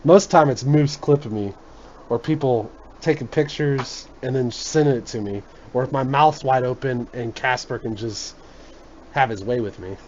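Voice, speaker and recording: A man's voice: medium pitch, moderate pace, a little mellow. A man hosting a casual podcast chat, rambling and joking and laughing often. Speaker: podcast host. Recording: muffled lo-fi recording with faint noise.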